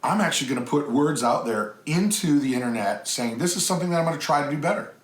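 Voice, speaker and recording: A man's voice: a little high, animated, fast talker. A middle-aged man co-hosting a family vlog, talking earnestly and at length to the camera. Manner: earnest, talkative, encouraging. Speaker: homestead vlog co-host. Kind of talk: casual chat to camera. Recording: echoey room, faint hum.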